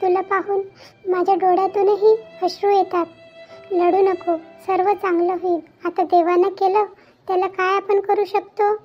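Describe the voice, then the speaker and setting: A woman voicing an aging widowed mother in a cartoon, gentle and comforting. She talks in a soothing, motherly way. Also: very high voice, flat delivery, moderate pace. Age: older. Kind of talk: Marathi cartoon voice acting. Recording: dull lo-fi with faint background music.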